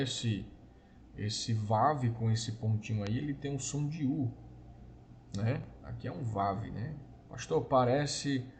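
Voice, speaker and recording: A man gives a recorded lesson at an unhurried, deliberate pace. His mid-pitched voice has a gravelly edge, and a faint hiss sits behind him. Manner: slow, patient explaining, often adds "né?" and "irmãos". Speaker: Hebrew teacher.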